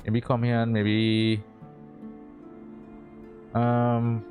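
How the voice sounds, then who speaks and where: A man doing casual video game commentary in a medium-pitched voice. He mumbles his thoughts aloud and wavers over choices, with game music playing clearly behind him. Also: completely flat delivery, drawn-out words, a little mellow. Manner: mumbled thinking aloud, indecisive.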